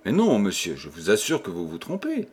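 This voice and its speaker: A man voicing a polite, bewildered widowed lady who speaks softly and affectionately, in an audiobook reading. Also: lowish voice, wildly swooping pitch, fairly quick, slightly rough, exaggerated voice. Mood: troubled. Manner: soft, affectionate.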